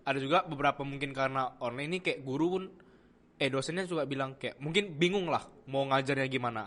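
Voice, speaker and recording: A man's voice: mid-range voice, sharp tone. A young man, a university student, chatting casually as a guest and politely calling the host "Kak". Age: young adult. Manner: chatty, many fillers, calls the host "Kak". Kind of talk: casual chat.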